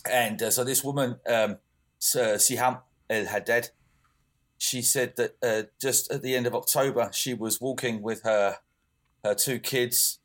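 A young man co-hosting a podcast chats casually and rambles, with lots of fillers and restarts. His voice is mid-range with fairly even intonation and a measured pace.

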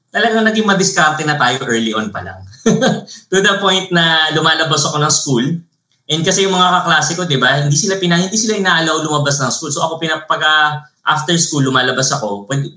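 Brief: a man with a Filipino accent, animated guest storyteller, bright and somewhat high, recorded in a roomy space. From Philippines. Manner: animated storyteller, mixes Tagalog and English, tags phrases with "no?". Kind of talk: casual interview storytelling. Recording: roomy echo.

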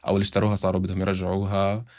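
A man's voice: low voice, monotone, racing, darkish tone. A man hosting a casual podcast chat, switching between Arabic and English mid-sentence. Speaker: podcast host.

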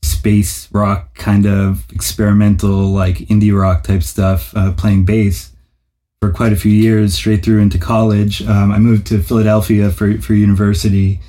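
Man, podcast guest, low pitch, warm mellow voice, relaxed thoughtful talk. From United States. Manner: thoughtful, easygoing with fillers. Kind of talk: casual interview.

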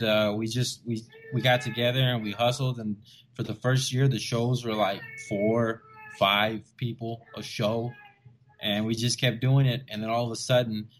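A man's voice: mid-range voice, slight background noise. A man from the Rio Grande Valley in Texas, a stand-up comedian guest telling stories in a casual interview and acting out what people said. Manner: animated storyteller who acts out quoted voices.

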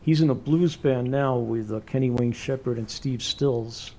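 A man's voice: mid-range voice, unhurried, warm tone, a little hiss or hum. A man in his sixties hosting a casual interview, chatty and rambling with many fillers. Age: 60s. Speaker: interview host.

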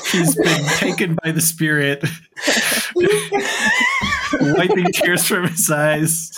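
A man's voice: a little high, steady tone, a little slow, a bit bright, slight background noise. A man hosting a podcast who chats casually, teases his co-host and narrates for the listeners while giggling. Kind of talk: casual chat.

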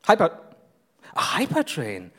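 Bavarian man, live-show comedy co-host, high and bouncy delivery, giggly. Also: slow. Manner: excitable, laughs often, animated. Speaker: podcast co-host on stage. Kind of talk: live comedy podcast banter.

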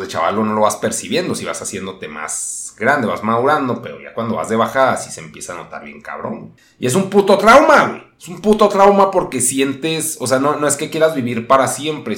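A man's voice: medium pitch, a bit bright. A man with a Mexican accent hosting a podcast, riffing in a profane, slangy, irreverent comic monologue. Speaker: podcast host. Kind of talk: casual comedic monologue. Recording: roomy echo.

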